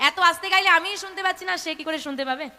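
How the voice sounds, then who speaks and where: A woman kirtan singer giving an animated devotional sermon, speaking straight to her audience. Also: very high-pitched, racing. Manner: animated, addresses audience directly. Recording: echoey hall, faint music.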